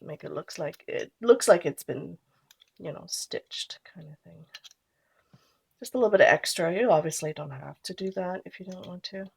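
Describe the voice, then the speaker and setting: This scrapbooking vlogger, a woman in her thirties, has a creaky, slightly rough voice on the low side, speaking at normal speed. A cold makes her nasal. She chats easily through a craft tutorial, her words trailing off as she works.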